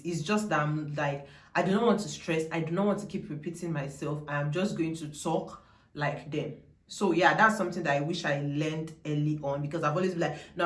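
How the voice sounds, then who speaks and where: Her voice is low and the room echoes. She's a young Nigerian-accented vlogger chatting casually and emphatically to camera, wandering off on tangents and hammering her points through repetition.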